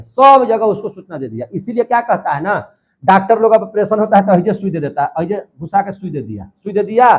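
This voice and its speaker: A man teaching a lesson in a bright, high voice. He talks in a lively way, asking a question and then repeating the answer back. His voice sits high for a man. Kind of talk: classroom lecture.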